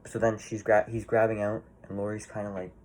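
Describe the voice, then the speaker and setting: Male movie reviewer, low voice, casual rambling delivery, swears often. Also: little pitch movement, a little fast, a little mellow, slight background noise. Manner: rambling, swears freely, many fillers and restarts.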